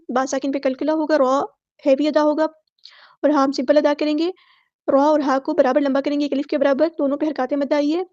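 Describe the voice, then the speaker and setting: This high-voiced tajweed teacher has an Urdu accent and teaches Quran recitation word by word. Rules come in quick explanations, and the words in slow, loud recitation. The audio is dull, with no echo.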